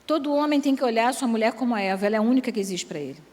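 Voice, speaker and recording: A woman's voice: a little high, animated, racing, darkish tone. Woman preaching with humor in a reverberant church. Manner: humorous, acts out quoted voices. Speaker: church speaker. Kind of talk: sermon with jokes. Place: large church hall.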